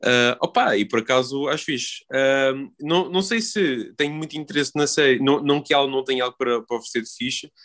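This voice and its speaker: A man of medium pitch hosts a relaxed-format podcast in a European Portuguese accent. He talks informally, in a halting way, often doubling back to rephrase what he began. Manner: informal, halting and circling back over phrases. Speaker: podcast host. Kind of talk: casual chat.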